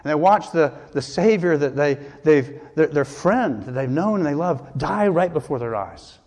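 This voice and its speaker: A man's voice: on the high side, lively intonation, moderate pace, darkish tone. Guy preaching a sermon, earnest and emphatic, big hall echo behind him. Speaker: pastor. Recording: long hall reverb.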